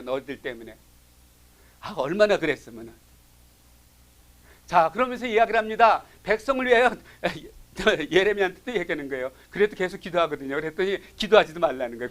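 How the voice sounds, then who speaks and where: A man teaching a Bible study class, animated, dropping from loud emphasis to hushed asides and acting out quoted voices. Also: fairly high pitch.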